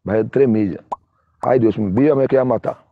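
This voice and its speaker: A man's voice: medium pitch, a little fast. A middle-aged Dominican man, a former ballplayer, telling his story in a casual interview and acting out other people's lines. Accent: Dominican Spanish. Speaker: interview guest, former baseball player. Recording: dull, muffled dry sound.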